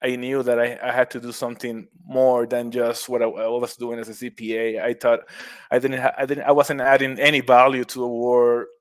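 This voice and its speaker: At a moderate pace and in a mid-range, level voice, a middle-aged Puerto Rican man speaks as a guest on a casual podcast. He owns a mushroom business, has a Puerto Rican accent, and talks in a friendly manner, laughing often and restarting his words, in a dry recording.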